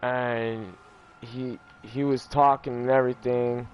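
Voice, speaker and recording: A young man, who streams games, rambles through a personal story while playing, swearing a lot, repeating himself and leaning on "you know" and "like." His mid-range voice barely moves in pitch and he talks slowly. The audio is dull, with a faint hiss or hum.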